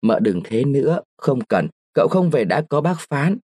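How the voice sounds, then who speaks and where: A man's voice: medium pitch, big pitch swings, normal speed, darkish tone, husky, dry recording, studio quality. A man voicing a pampered small boy who coaxes and pleads in a babyish way. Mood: wheedling.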